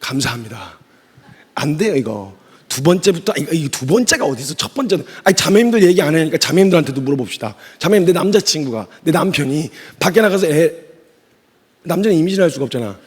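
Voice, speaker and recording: A man preaching at a youth retreat, lively and humorous, acting out quoted lines as he speaks. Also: a little high, fast. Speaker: missionary preacher. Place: large church hall. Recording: long hall reverb, husky voice.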